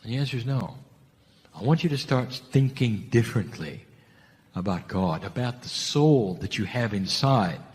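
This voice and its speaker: Guy channeling spirit stuff, pitch jumps all over, lots of rhetorical questions, hall echo. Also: lively intonation, moderate pace, darkish tone. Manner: emphatic, rhetorical questions, repeats key phrases. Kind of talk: channeled spiritual talk to an audience.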